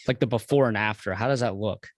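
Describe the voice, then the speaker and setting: A man's voice: fairly low pitch, fast, no room sound. A man hosting a podcast, asking curious follow-up questions. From United States. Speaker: podcast host. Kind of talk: conversational interview.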